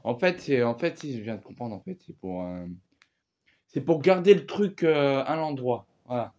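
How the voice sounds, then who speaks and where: A man's voice: mid-range voice, lively intonation, moderate pace, dark tone. A man hosting a casual unboxing vlog, rambling along with lots of fillers and slang. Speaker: vlogger.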